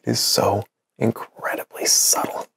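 A man's voice: unhurried, a bit bright, slight background noise. A young man giving a casual painting lesson in a home studio, chatty and self-encouraging, laughing often as he works. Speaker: painting instructor.

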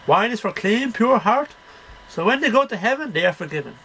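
This middle-aged man reads poetry aloud as an amateur, one line at a time, in a declamatory, sing-song manner. His voice sits high, with lively intonation, a fairly quick pace, and a bright, forceful tone. Captured by a webcam about arm's length off in a small cluttered bedroom, the audio is poor with slight background noise.

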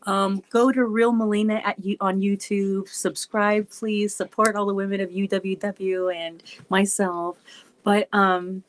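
A woman's voice: mid-range voice, little pitch movement, unhurried, low-quality recording. Casual, giggly woman talking to fans, lots of likes and ums, bit of background noise. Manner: giggly and goofy, laughs often; chatty with many fillers. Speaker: wrestler vlogger answering fan questions. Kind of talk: casual chat to viewers.

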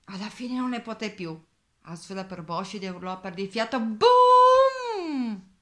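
A woman reading a children's picture book aloud, expressive and dropping to a whisper on key words. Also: mid-range voice, fairly quick. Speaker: children's storyteller.

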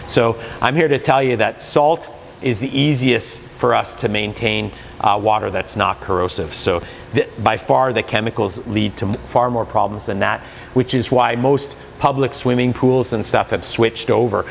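A man's voice: medium pitch, moderate pace, gravelly, in a large hall, a little hiss or hum. A man in his forties at a spa supply store, earnestly explaining hot tub care to camera on a lapel mic, with lots of fillers and restarts. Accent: Canadian. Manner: earnest, many fillers and restarts, demonstrates products while talking.

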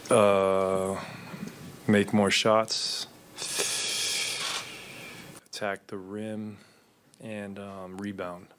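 A man in his thirties, a basketball player answering questions at a postgame press conference into a desk microphone, measured and low-key with frequent fillers. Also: flat delivery, background noise. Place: arena press room.

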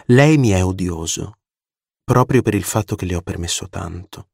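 A man reading an audiobook, voicing a proud, cold and mocking young woman with a sharp, scornful delivery. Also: low-pitched, moderate pace, gravelly, husky, no room sound, studio quality, exaggerated voice.

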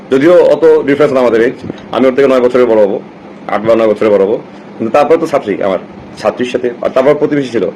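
A man with a Bangladeshi Bengali accent, chatting casually on a live stream and telling personal stories. His talk wanders, with frequent restarts and switches into English. He speaks at an ordinary, middle pitch for a man. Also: a little mellow, a little hiss or hum, poor audio. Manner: rambling and anecdotal, restarts often, slips into English. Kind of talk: casual storytelling chat.

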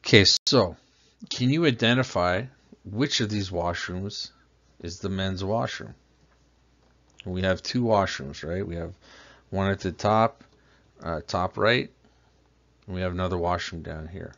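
Taking long pauses and speaking a little slowly, a plumbing instructor with a low, fairly bright voice narrates a slideshow lesson. He explains each step patiently and asks the listener questions, and the voice-over is dull and lo-fi.

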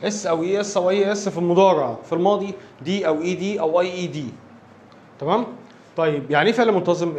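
Fast-talking Egyptian teacher, high voice. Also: male voice, darkish tone, a little hiss or hum. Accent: Egyptian Arabic. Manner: explains step by step, often checking understanding with quick questions. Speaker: English teacher. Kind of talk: classroom grammar lesson.

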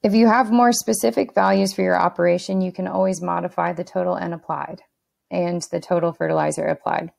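With a lowish, creaky voice and a slightly fast pace, a woman talks through a software walkthrough on a screen recording. She keeps her instruction steady, though she uses a few fillers and restarts.

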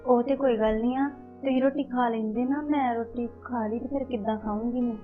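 A woman's voice: on the high side, fairly even intonation, fairly quick, soft background music, natural voice. A woman playing a timid young married daughter. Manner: soft, pleading, anxious. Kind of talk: amateur family drama acting. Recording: tinny, phone-like recording.

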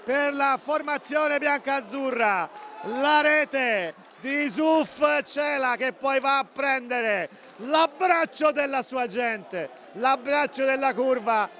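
High-pitched Italian man shouting goal commentary. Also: slow pace. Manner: impassioned, shouting, stretching out words. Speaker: football match commentator. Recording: outdoor stadium crowd noise behind voice. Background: football crowd and outdoor ambience.

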